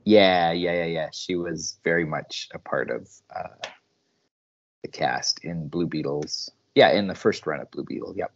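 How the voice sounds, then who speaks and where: A male podcast co-host who talks about comics enthusiastically and chimes in with quick agreement. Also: deep voice, highs cut off, a little hiss or hum. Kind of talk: casual comic book discussion.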